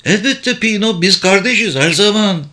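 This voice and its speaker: A man voicing a daring, cheeky teenage boy climber who speaks in a raised, excited voice. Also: normal speed. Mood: grateful. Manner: high, excited, breathless calls.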